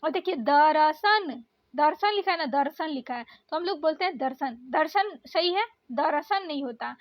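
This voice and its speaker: A woman's voice: high-pitched, animated, normal speed, no room sound. A woman teacher, explaining exam spelling step by step and repeating each word. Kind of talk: exam-prep Hindi spelling lesson. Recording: dull, slightly lo-fi.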